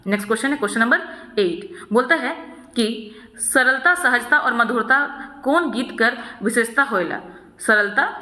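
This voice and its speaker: Bright-voiced woman teacher, echoey room. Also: a little high. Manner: asks a question then answers it, repeats answers, frequent "ठीक है". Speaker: exam prep teacher. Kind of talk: solving practice questions. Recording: echoey room with long reverb.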